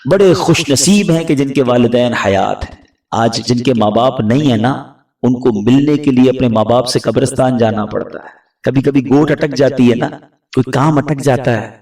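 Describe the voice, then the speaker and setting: A man preaching a sermon with passion, rising to loud peaks and dropping to low pleading tones. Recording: echoey hall, voice from far off the mic.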